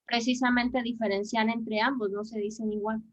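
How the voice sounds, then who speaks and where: A woman's voice: a little high, level tone, moderate pace, dry recording. A woman interpreting and explaining an English pronunciation lesson for her students. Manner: explains and repeats the teacher's points. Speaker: class interpreter and co-host. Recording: dull, dry audio.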